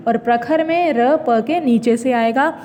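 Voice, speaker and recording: Slow high-voiced woman teacher, echoey room. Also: darkish tone, a little hiss or hum. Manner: slow, patient word-by-word dictation. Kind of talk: reading out a school exercise.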